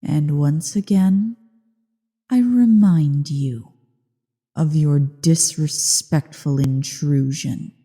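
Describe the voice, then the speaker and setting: An ancient dragon queen with a very dark, low voice. She speaks extremely slowly and imperiously, with menacing contempt, in a theatrical ASMR roleplay. Her words ring out in a cavernous, echoing space. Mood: haughty, condescending. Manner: imperious, deliberate, disdainful. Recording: cavernous echo and long reverb.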